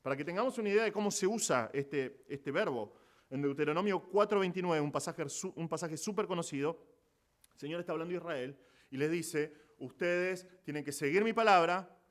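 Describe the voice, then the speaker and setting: Argentine pastor guy preaching in church, kinda high voice, explains then gets loud and urgent. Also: brisk. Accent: Rioplatense Spanish. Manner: explanatory preaching, rises to emphatic exclamations. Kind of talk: sermon.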